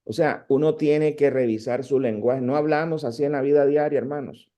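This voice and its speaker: A man gives a lecture on preaching in a warm, mellow voice at a medium pitch. He speaks in a lively, conversational manner. He often breaks off words and restarts them. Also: normal speed. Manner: animated, conversational, with frequent restarts. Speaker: preaching professor.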